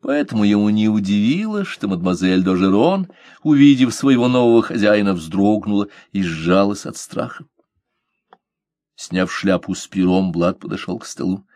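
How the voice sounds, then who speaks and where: A man reading an adventure novel aloud as narrator, in a steady, measured manner. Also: fairly low pitch, no room sound, studio quality. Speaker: audiobook narrator. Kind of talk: scripted narration.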